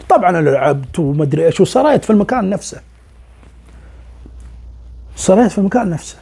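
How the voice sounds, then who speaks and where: A male storyteller who talks quickly and acts out every exchange in his tale. His voice is gravelly and mellow, with a husky, breathy texture, and he sinks into whispers at tense moments. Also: high voice. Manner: lively, acts out dialogue, drops to whispers. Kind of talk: oral storytelling of a spooky tale.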